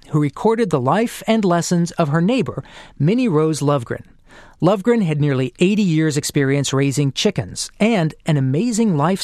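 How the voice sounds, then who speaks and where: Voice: mid-range voice, a little mellow, no echo, clean studio sound. A radio host reading a scripted introduction, then asking conversational questions. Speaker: radio interviewer. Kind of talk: public radio interview.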